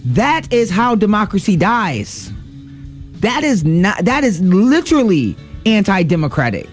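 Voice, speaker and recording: Animated man co-hosting political radio. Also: high-pitched, a little slow, soft background music. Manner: animated, exclaims often, says dog. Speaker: radio show co-host. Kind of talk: casual political talk.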